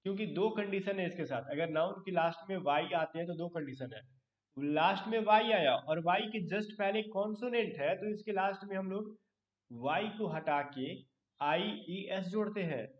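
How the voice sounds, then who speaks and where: A man's voice: high voice, moderate pace. A man teaching an online English grammar class, asking his students question after question and adding joking asides. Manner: explains with repeated questions to students. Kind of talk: online live class lecture. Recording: roomy, distant, dull sound.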